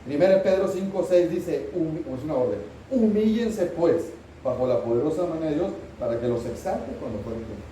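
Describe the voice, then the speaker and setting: A man's voice: fairly high pitch, animated, fairly quick, few pauses, dark tone, reverberant, recorded from a distance, slight background noise, poor audio. A middle-aged man, preaching a sermon as pastor and asking the congregation questions. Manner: earnest, asks the congregation questions. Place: church sanctuary.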